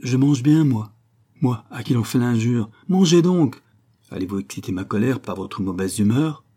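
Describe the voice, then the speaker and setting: A man's voice: lowish voice, expressive, normal speed, darkish tone, husky. A man voicing an irate, self-centered aristocratic father in an audiobook, blustering and indignant.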